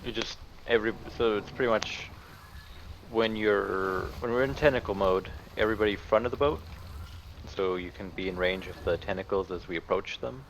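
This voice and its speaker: A man's voice: lowish voice, normal speed, slight background noise, low-quality recording. A man explaining game tactics over voice chat, his audio cutting in and out now and then.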